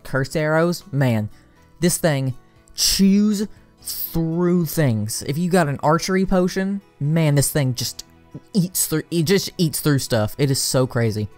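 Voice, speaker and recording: A tired-sounding gaming creator talks loosely through a tier list, stumbling over restarts and fillers before getting suddenly excited. The pitch sits in an ordinary middle range, and soft music plays faintly underneath. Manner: rambling and filler-heavy, with restarts and bursts of excitement. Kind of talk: casual tier-list commentary.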